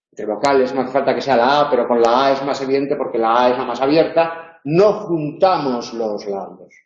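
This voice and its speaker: In a spacious, flat-sounding room, a man delivers an online tutoring lecture as a university lecturer. He speaks in an explanatory way, slowly demonstrating sounds, with a mid-range, darkish voice.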